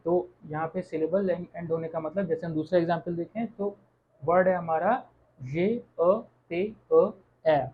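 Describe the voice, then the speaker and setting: A teacher walks through French vowel sounds one at a time and repeats each word several times. The voice is of middle pitch and sits in a dull, lo-fi recording. The pace is patient, and "okay" comes after each point. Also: slight background noise. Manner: slow, repeats words, says "okay" often. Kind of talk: online language lesson.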